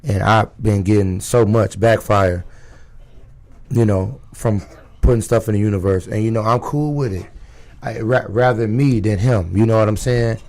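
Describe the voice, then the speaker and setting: Low-voiced raspy man from Chicago. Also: moderate pace, a little mellow. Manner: loose, street-casual talk with many fillers. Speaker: guest rapper. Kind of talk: radio interview.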